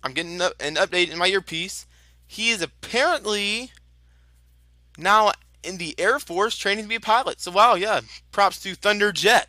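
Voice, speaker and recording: Bright, high-voiced male lucha libre announcer. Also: normal speed, no echo. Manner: chatty, informal, exclamatory. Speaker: wrestling announcer. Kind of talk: lucha libre play-by-play commentary with promotional plugs.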